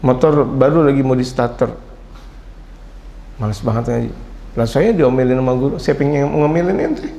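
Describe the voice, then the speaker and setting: A middle-aged male Islamic preacher giving a lively study sermon, mixing Arabic quotations with casual Indonesian and jumping suddenly in pitch as he tells stories. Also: normal speed, creaky, long pauses. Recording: long hall reverb.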